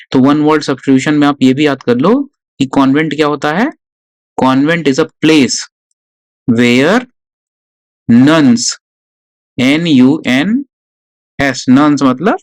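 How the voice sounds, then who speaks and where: A man teaching an exam vocabulary lesson online, who asks his own questions, answers them and repeats key words slowly, in Hindi mixed with English spoken with an Indian accent. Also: medium pitch, no echo.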